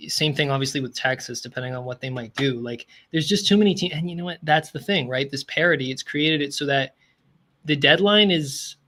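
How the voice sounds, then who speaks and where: A Canadian man co-hosting a sports podcast in a fairly high voice for a man. He talks in loose, casual chat, tossing in "like" and "right?" as he works through his thoughts. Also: brisk, pushed and bright. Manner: chatty, full of "like" and "right?" fillers. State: throat-clearing, losing his voice. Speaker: podcast co-host.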